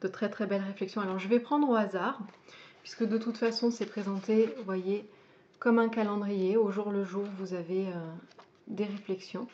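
A woman hosting a casual video where she presents a book, speaking hesitantly with frequent fillers, pauses and restarts. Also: medium pitch, fairly even intonation, darkish tone, slight background noise. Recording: dull lo-fi sound.

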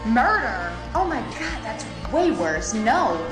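A woman's voice: fairly high pitch, big pitch swings, takes it slowly, roomy sound, over music. A young woman playing a reluctant eighteen-year-old in a short skit, casual and protesting. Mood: worried. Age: young adult. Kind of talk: short social-media skit acting.

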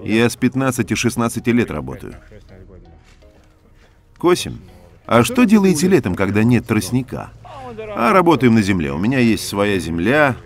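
A man's voice: medium pitch, wildly swooping pitch, normal speed, long pauses, soft background music. A man voicing a documentary interview, asking and answering in a plain conversational way. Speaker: interviewer and voice-over narrator.

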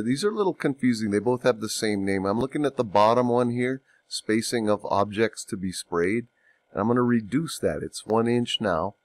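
His mid-range voice carries no echo as he narrates a software tutorial over a screen recording. The man, who is getting over a cold, goes at an unhurried pace, thinking aloud and peppering his speech with ums and self-corrections.

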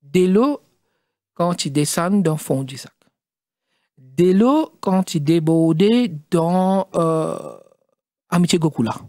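A middle-aged man with a Mauritian accent, a studio guest explaining in halting speech with many fillers and restarts. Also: fairly high pitch, lively intonation, mellow, no room sound. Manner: halting, mixes French and Creole, many fillers. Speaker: studio guest, former district council president.

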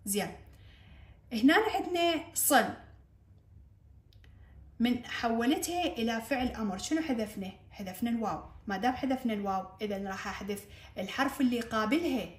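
A woman with an Iraqi accent walks students through a grammar lesson, repeating each point and checking that they follow. Her voice sits a little high and rings in an echoey room. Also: lively intonation, fairly quick, pauses often. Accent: Iraqi Arabic. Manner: repeats key points, checks understanding with questions. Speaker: Arabic grammar teacher. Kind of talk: classroom-style lesson explanation.

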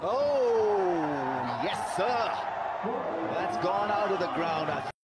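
A man giving lively, exclamatory live cricket commentary. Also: high-pitched, takes it slowly, very noisy. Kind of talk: excited live sports commentary. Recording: broadcast clip over music and crowd.

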